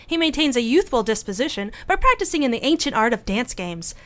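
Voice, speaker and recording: A woman's voice: a little high, big pitch swings, brisk, fairly bright tone. A woman co-hosting a gaming quiz show, reading intros and rules in a playful manner. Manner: playful, giggly.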